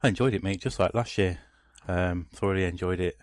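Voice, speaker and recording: A man's voice: deep voice, a little fast, dry recording. A man co-hosting a gaming podcast, laid-back and dryly grumbling in casual chat. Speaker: podcast co-host.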